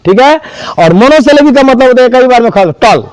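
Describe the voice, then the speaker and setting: A man's voice: extremely high pitch, lively intonation, fairly quick, clear, resonant tone, dry recording. A man teaching an English grammar class, spelling words out and quizzing students. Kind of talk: classroom lesson.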